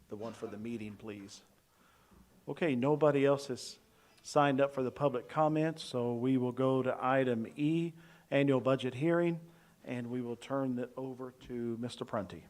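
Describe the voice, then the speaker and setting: A man's voice: mid-range voice, fairly even intonation, normal speed, a little mellow. A man presiding over a school board meeting, moving through the agenda in a plain, businesslike way and correcting small slips as he goes. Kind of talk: formal meeting procedure.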